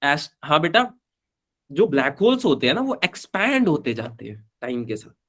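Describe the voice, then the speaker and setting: A man's voice: on the high side, very animated, normal speed, fairly bright tone. A man teaching a live online physics class, chatty, calling students beta and switching between Hindi and English.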